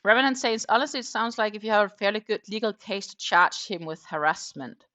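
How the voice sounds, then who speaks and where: A middle-aged woman who hosts a crochet channel chats on a livestream about her weekend, rambling casually with frequent ums. German isn't her first language. Her mid-range voice is animated, bright and forceful, and she speaks fairly quickly.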